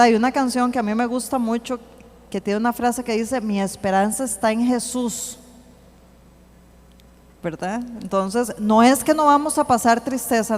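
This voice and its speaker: Earnest woman preaching in a reverberant hall. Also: a little high. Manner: earnest, slows down to read scripture. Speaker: church speaker. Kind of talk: church teaching talk. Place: church hall.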